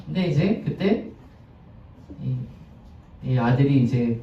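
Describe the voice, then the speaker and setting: A man's voice: mid-range voice, expressive, slow pace, a little hiss or hum. A male pastor giving a conversational sermon, chatting with the congregation and putting questions to them. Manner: chatty, asks the congregation questions, acts out scenes. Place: church sanctuary. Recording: echoey, distant, dull lo-fi sound.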